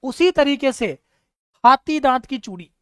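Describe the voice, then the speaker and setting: A man's voice: very high voice, animated, unhurried, smooth, no room sound, clean studio sound. A man teaching a live exam-prep class online, quizzing students, reading out their names and praising them, with funny stories mixed in. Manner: storytelling with humor.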